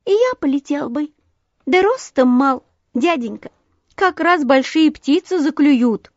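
Tiny timid snipe bird, voiced by a woman, squeaky and pleading, storybook. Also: expressive, measured pace, dry recording, lo-fi sound. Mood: meek. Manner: high, thin and pleading.

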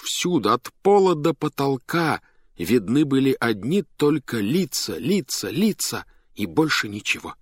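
A man reading a story aloud as narrator, in an animated, dramatic manner that speeds up and slows down. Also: on the low side, dry recording, clean studio sound.

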